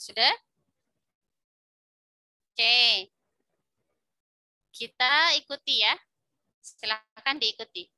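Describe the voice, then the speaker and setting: A middle-aged woman teaching Quran recitation in an online lesson, patiently repeating syllables for her students to copy, with pauses and self-corrections. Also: fairly high pitch, pushed and bright, dry recording. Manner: halting, with fillers and self-corrections.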